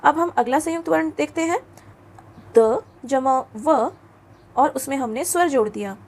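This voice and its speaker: A woman with a high, light voice teaches schoolchildren in a patient, coaxing way. She keeps checking in with questions, mixes English words into her speech and slows down to pronounce each letter clearly. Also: animated. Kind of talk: classroom lesson for children.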